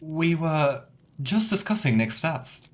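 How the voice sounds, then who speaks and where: A let's player muses casually over a game at a slow pace, reading the dialogue options aloud. His voice is medium-pitched with lively intonation, and he drops chatty asides as he goes.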